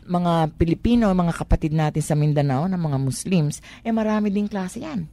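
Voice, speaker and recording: Speaking on a talk show, this Manila woman has a warm voice on the low side, with lively intonation and a moderate pace. Her Manila Tagalog accent comes through as she asks rhetorical questions and mixes English with Tagalog in a conversational explanation.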